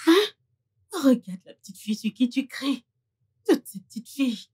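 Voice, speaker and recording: A woman's voice: fairly high pitch, moderate pace, warm tone, slightly rough. A sneering scheming young woman. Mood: soothing, scornful. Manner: sneering, taunting. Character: scheming spiteful young woman, mocking rival. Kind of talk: French film dub.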